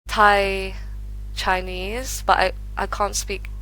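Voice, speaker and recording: A young woman with a British accent, chatting as an interview guest, talking quickly with many fillers and frequent laughs. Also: medium pitch, flat delivery, pushed and bright, faint music behind, rough recording. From United Kingdom. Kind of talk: casual interview chat.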